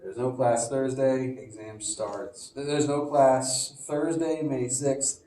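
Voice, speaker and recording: In a slow, mid-range voice, a male professor chats through a physics lecture, sniffling from allergies and leaning on fillers and restarts. The sound is distant and echoey, picked up by a phone on the far side of the classroom.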